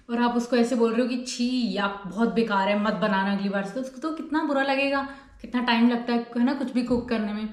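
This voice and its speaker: A woman's voice: on the high side, a little mellow, roomy sound. A woman hosting a self-help video, talking casually and mixing English into her Hindi, acting out short dialogues as examples. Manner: mixes English words into Hindi, acts out little dialogues. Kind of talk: casual advice talk.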